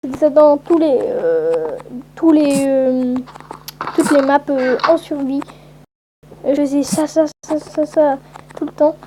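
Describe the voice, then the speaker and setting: A woman's voice: high-pitched, slow pace, background noise. A woman giving casual, rambling let's-play commentary with lots of hesitant fillers. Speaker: gameplay commentator.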